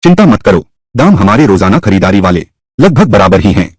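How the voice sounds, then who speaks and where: Young woman shopkeeper voiced by a man, confident sales pitch, raised voice, husky, dry. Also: sing-song, a little fast, darkish tone, dry recording.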